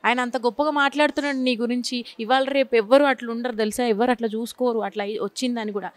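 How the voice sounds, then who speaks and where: A woman's voice: on the high side, steady tone, fast, dry recording. A woman reporter interviewing people, coaxing them and giving directions. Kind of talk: field interview.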